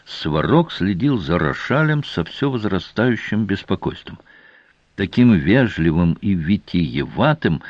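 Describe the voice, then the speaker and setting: A man reading a fantasy audiobook as narrator, with even, steady storytelling, in a dry, slightly dull recording. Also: on the low side, no room sound.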